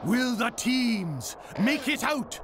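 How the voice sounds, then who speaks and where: Melodramatic high-voiced cartoon commentator. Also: male voice, sing-song, slow, exaggerated voice. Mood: suspenseful. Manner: portentous, suspenseful. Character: melodramatic male sports commentator imitating reality TV narration. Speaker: match commentator. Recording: loud music behind.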